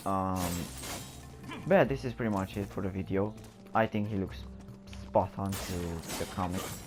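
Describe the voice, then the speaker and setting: A man with a low voice hosts a gameplay video. He talks casually, rambling and pausing as he thinks aloud. Game music is clearly audible behind him.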